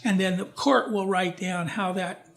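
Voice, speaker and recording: Soft music plays in the background as a man with a steady, creaky, fairly bright high voice presents a genealogy talk at a library. Working informally from slides, he halts, restarts sentences often and poses questions to the audience.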